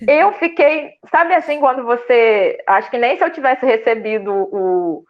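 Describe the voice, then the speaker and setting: A woman with a Brazilian Portuguese accent tells her story in a casual interview, her voice pitched a little high. She talks in an animated way, with many fillers and restarts. The recording sounds dull and lo-fi. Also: unhurried. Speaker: student telling her experience.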